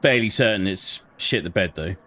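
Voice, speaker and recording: Low-voiced and lively in his intonation, this gaming streamer speaks at a moderate pace with a pushed, bright tone. He chats casually while playing a shooter and swears bluntly in frustration.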